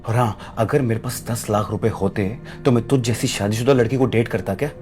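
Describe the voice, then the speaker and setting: A man's voice: medium pitch, a little fast, darkish tone, faint music behind, lightly acted. A young man playing a callous struggling actor who scornfully brushes off his married lover with curt commands in a web drama. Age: young adult. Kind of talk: melodramatic Hindi short-drama acting.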